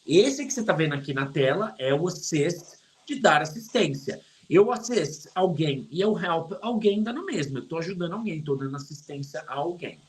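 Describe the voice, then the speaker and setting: A middle-aged man with a Brazilian Portuguese accent gives a casual online English lesson. He keeps it lively and joking. He slows right down on English words to show how they are pronounced. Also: on the high side, poor audio. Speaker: English teacher.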